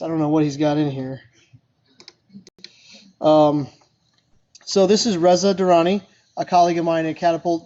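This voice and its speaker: A man's voice: on the high side, a little mellow, muffled recording. A man giving a casual, loosely worded talk to a user group, full of fillers and restarts. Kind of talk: casual presentation to a meetup.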